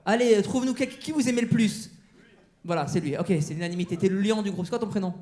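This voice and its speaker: A man's voice: sits high, fast, darkish tone. A man doing stand-up crowd work on a comedy club stage, teasing the audience with mock-outraged banter. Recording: live show with crowd laughter.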